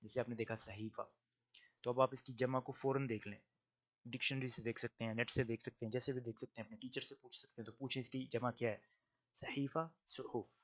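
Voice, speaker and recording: Guy teaching arabic grammar, urdu native, medium voice, calm and patient, repeats word pairs slow. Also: mid-range voice. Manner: explains patiently, drills word pairs slowly. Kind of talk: recorded online lesson.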